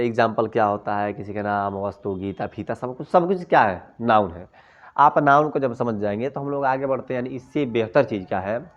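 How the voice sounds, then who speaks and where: A male teacher with a Bhojpuri-tinged Hindi accent, giving a classroom grammar lecture. He asks questions and then answers them himself, and he mixes English phrases into his talk. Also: mid-range voice. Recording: dull lo-fi classroom recording.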